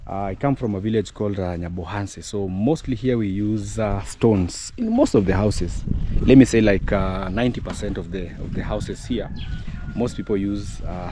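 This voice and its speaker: A man's voice: on the low side, mellow, slight background noise. A young man, from East Africa, giving a friendly step-by-step walkthrough for viewers at a village building site outdoors. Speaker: vlogger. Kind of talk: casual vlog walkthrough.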